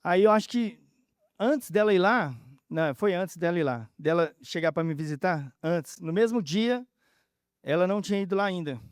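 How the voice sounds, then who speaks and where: High-voiced man giving testimony. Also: animated, smooth, no echo, clean studio sound. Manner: storytelling with many reported dialogues; emotional, halting. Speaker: conference speaker. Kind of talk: personal testimony talk.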